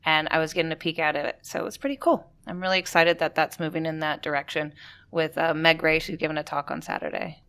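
A female podcast co-host with a smooth, clear voice. It sits slightly low, and she chats casually like a teacher among colleagues. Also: steady tone, fast talker, a bit bright. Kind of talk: casual chat.

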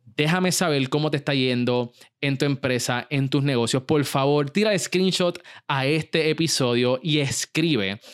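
Smooth-voiced podcast host. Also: male voice, medium pitch, a little slow. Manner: direct, coaching, speaks straight to the listener. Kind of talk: motivational business podcast.

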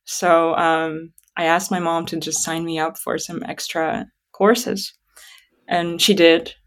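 A woman whose native language is Russian speaks in a slightly low voice. She tells stories about herself conversationally, pausing and thinking aloud as she goes. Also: level tone. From Kazakhstan. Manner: halting, reflective, thinking aloud. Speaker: interview guest. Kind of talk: conversational personal storytelling.

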